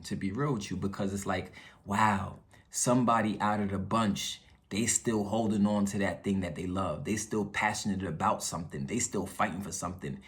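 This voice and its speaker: Man, lowish pitch, casual vlog monologue, earnest, candid, slangy, repetitive for emphasis. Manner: earnest, repeats phrases for emphasis; candid, slangy, frequent check-in tags. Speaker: YouTube vlogger. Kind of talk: casual venting monologue to viewers.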